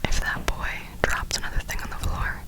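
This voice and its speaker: Young woman whispering a rambling ASMR chat. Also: moderate pace. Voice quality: breathy unvoiced whisper. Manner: rambling, casual, slangy. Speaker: ASMR creator.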